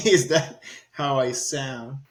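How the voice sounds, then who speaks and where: A man in his forties with a soft Venezuelan accent, talking casually through a software tutorial and thinking aloud as he clicks. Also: medium pitch, expressive, extremely slow. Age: 40s. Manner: chatty, laughs easily, thinks aloud while clicking. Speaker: YouTube tutorial host. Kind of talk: casual screen-recorded tutorial.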